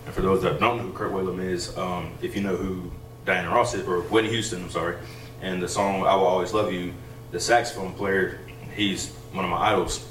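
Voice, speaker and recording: This young man talks quickly and rambles through a story, piling up fillers as he goes. His voice sits a little low, and he's picked up from across an echoey loft by a distant mic. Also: flat delivery, a bit bright, a little hiss or hum. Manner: chatty storyteller, many fillers. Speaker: guest musician, saxophonist. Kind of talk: casual interview chat. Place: theater loft, live session. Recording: echoey room, mic far off.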